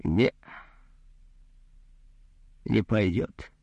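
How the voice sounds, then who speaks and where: A man's voice: fairly low pitch, extremely slow, creaky, darkish tone, husky, no room sound, muffled recording, full character voice. A man voicing a rude, greedy male doctor who talks in a brusque, condescending, grumbling way in a humorous storybook reading. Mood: gruff.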